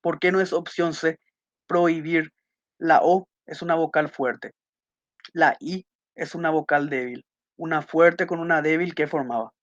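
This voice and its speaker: A man's voice: on the high side, fairly even intonation, measured pace, dry recording. A man teaching a class, patiently going over test answers and repeating key points with little checking questions. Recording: muffled dry lo-fi audio.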